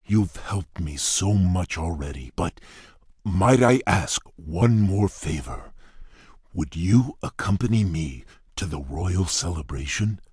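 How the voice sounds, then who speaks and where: An actor playing a courteous, shy beast prince in a video game, speaking formally and earnestly in a husky, gravelly rumble. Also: male voice, a little mellow, no echo, clean studio sound, heavily acted. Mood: warm, grateful. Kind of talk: video game character voice lines.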